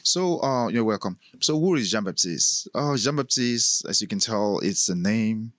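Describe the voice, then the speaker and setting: Cameroonian guy telling stories on a podcast, kinda low voice, laughs a lot. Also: moderate pace, dry recording, studio quality. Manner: laughs often, storytelling, relaxed. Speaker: podcast guest, event MC. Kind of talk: casual interview chat.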